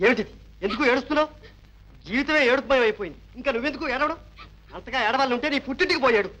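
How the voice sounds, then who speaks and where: A man's voice: extremely high pitch, racing, sharp tone, a little hiss or hum, low-quality recording. An actor playing an irritable old grandfather who scolds his family, in 1960s film acting. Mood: stern. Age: older. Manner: scolding, bitter.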